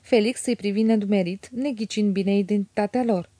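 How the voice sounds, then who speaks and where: A woman reading a novel aloud as an audiobook narrator, in a measured storytelling tone at a close studio mic. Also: mid-range voice, warm tone, no echo. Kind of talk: scripted literary narration.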